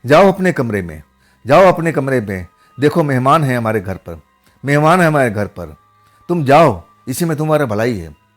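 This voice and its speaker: A man voicing a gentle ghostly young woman who fusses over him like a wife, speaking in a soft, coaxing way and repeating herself, with faint music behind. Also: medium pitch, very animated, normal speed, natural voice. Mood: scolding.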